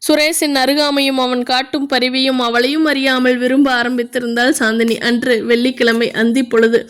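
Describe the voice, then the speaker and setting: High, smooth-voiced woman narrator. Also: level tone, a little fast. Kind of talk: storybook narration.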